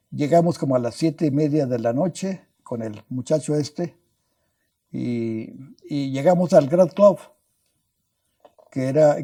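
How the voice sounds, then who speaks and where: In a fairly high, mellow voice, an older man from Mexico shares anecdotes as a guest scientist on a podcast interview. His Mexican Spanish accent is clear, and he often restarts words and adds tag questions.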